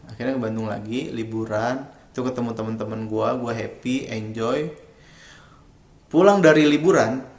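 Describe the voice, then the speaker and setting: A man's voice: mid-range voice, echoey room. A young man tells a personal story in a casual, rambling vlog, full of slang and restarts. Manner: chatty, rambling, slangy Jakarta-style speech. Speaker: vlogger.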